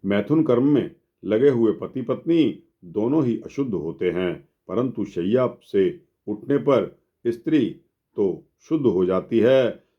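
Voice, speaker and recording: A man reading out and explaining a religious scripture in a measured way, often turning to address his listeners as friends. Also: fairly low pitch, animated, dull audio. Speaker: scripture narrator.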